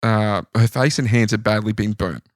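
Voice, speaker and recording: Casually sharing trivia tales drawn from his notes, an Australian co-host chats on a podcast. He speaks at normal speed with a fairly low pitch, in studio-quality audio free of room sound.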